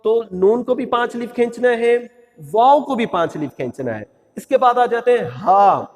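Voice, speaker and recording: A man's voice: very high-pitched, expressive, moderate pace, big-room sound. A man teaching how to pronounce the letters of the Quran, patiently drawing out each sound in a sung recitation. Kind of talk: religious lesson on pronunciation.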